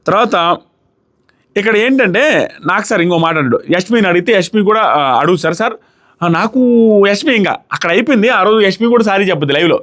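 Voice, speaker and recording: A man retelling a reality show episode in a casual recap, dropping his voice low when he quotes people. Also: expressive, a bit bright. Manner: rapid rambling retelling. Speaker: show reviewer.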